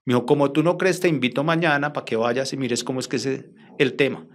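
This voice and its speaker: A Colombian man, a journalist, recounts a strange episode to his interviewer at a mid pitch. He tells it in a lively way, acting out each quoted line of the conversation as he goes. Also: fast talker. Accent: Colombian Spanish. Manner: animated, acts out quoted dialogue. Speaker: journalist guest. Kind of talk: storytelling interview.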